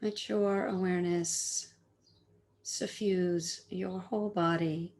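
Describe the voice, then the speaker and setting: This woman's fairly low voice keeps a fairly even intonation as she leads a guided meditation. Her pace is very slow and gentle, with long pauses between phrases, and her soft instructions come across as soothing and teacherly.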